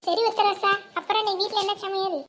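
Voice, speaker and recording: A woman doing a very high-pitched, crafty village housewife. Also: fairly even intonation, fairly quick. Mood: chatty. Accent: Tamil Nadu village. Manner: colloquial, exclamatory. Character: chatty, crafty village housewives gossiping and haggling. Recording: faint background noise and ambience.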